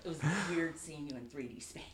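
A woman's voice: sits low, fairly quick, echoey room, crowd noise. A woman chatting casually as a podcast guest. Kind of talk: casual chat.

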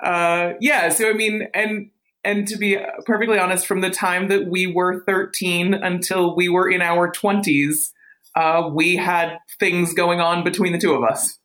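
Anonymous female interviewee, late thirties. Altered voice, on the low side, slow and halting. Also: fairly even intonation, fairly bright tone. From small town. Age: late 30s. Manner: hesitant, halting recollection. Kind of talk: candid interview conversation.

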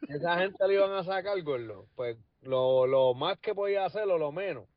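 A Puerto Rican man co-hosts a casual chat and sprinkles his talk with slang and swearing. His voice sits a bit higher than most men's. The audio is dry and slightly muffled. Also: animated, moderate pace, no room sound. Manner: slangy, swears often, keeps saying cabrón.

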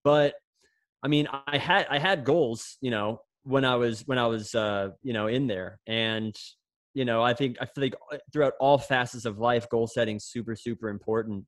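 A man's voice: mid-range voice, normal speed, no room sound. A young man, a former pro runner, chatting on a podcast and telling a long story with many restarts and fillers. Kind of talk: casual podcast chat.

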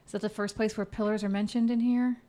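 A woman playing a tabletop role-playing game, animated and inquisitive, quick to laugh. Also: mid-range voice. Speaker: player. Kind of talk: tabletop role-play chat.

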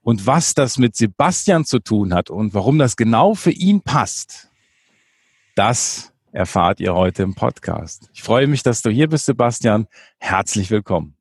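Husky male podcast host, dry close sound. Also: lowish voice, animated, no echo. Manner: halting, repeats words while forming questions. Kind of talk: conversational interview.

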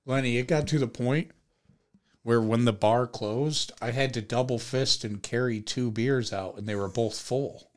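A man's voice: medium pitch, fairly even intonation, measured pace. A man co-hosting a casual podcast chat, joking and laughing often as he tells stories. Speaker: podcast co-host.

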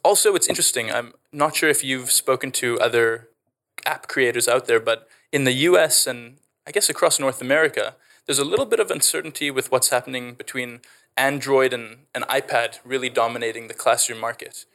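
A man's voice: medium pitch, brisk, vocal fry, a bit bright. A man with a Canadian South African accent, an edtech founder explaining his work in a podcast interview with eager, fluent enthusiasm.

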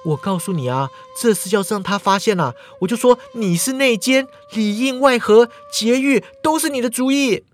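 A man's voice: normal speed, hardly any pauses, a little hiss or hum, lightly acted. Man doing a bubbly flustered young swordswoman. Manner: bubbly, whiny, high-pitched.

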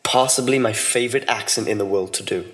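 A man chatting casually in an old recording, relaxed and joking. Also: on the low side, fast, big-room sound. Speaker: guest.

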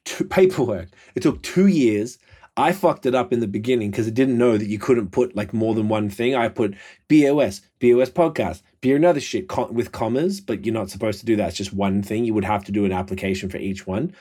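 A male podcast host with a fairly low voice. He talks in loose, casual slang and swears freely as he chats. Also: a little fast, dark tone, husky. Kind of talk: casual profane podcast chat.

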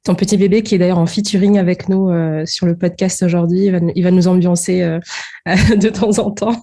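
A woman's voice: on the low side, fairly even intonation, fairly quick, dark tone. A woman hosting a podcast interview, asking long questions with hesitant restarts. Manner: hesitant, repeats words when asking. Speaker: podcast host. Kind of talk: casual interview.

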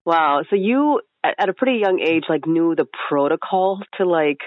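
A woman's voice: fairly low pitch, lively intonation, moderate pace, dry recording. A woman hosting a podcast, asking questions in a curious, enthusiastic, casual interview manner. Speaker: podcast host. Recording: tinny phone-like line, dry.

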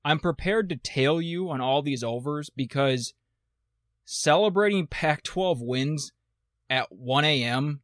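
A man's voice: on the high side, slow pace, fairly bright tone, no room sound, clean studio sound. A man co-hosting a casual sports betting podcast, blunt and teasing, with wry sarcastic jabs at his partner. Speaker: podcast co-host.

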